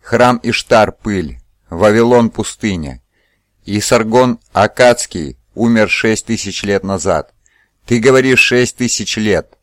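A proud, passionate ancient young woman, as a male storyteller puts her on, pitched somewhat above a low voice and pushing the level up in commanding outbursts. The audiobook sound is close and dry, with no room around it. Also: expressive, unhurried, dry recording. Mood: anguished.

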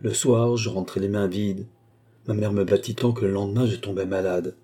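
A man's voice: fairly low pitch, fairly even intonation, normal speed, mellow, husky. A man reading the part of a young woman of fallen noble birth, telling her grim childhood in an earnest, grave, plaintive way for an audiobook. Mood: sorrowful.

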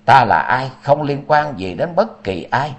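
A proud young swordsman in a storybook, cold and defiant, his pitch leaping around as he speaks, read by a man. He sounds hot-tempered and stubborn. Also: very animated, a little slow. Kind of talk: storybook narration.

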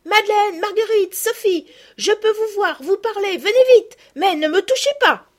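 Woman reader voicing a little girl, eager and affectionate, high bright calls, lots of lift in the line. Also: fairly quick. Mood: excited. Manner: excited, high and loud calling.

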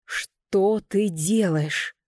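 A woman voicing a cold, calculating young nobleman who speaks calmly and without hurry. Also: mid-range voice, dry recording, clean studio sound. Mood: cool. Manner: calm, measured and unhurried. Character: cold, calm, calculating young male lord.

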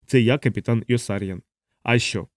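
A man voicing a sardonic young bomber captain in a hospital bed, speaking in a deadpan, mocking way. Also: mid-range voice, brisk, no echo, clean studio sound, close to an everyday voice.

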